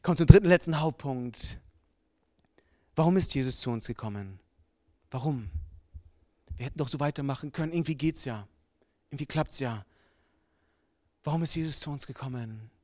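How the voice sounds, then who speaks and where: A man's voice: mid-range voice, expressive, moderate pace, long pauses, a little mellow, no room sound. A man preaching a sermon with emphatic, colloquial storytelling.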